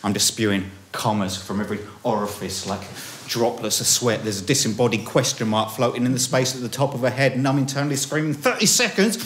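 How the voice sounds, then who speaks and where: A young man performing a comic, self-mocking spoken-word story at a small live gig, dropping to low mutters and rising to panicky highs. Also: steady tone, quick pace, hardly any pauses, slight background noise. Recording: roomy live room.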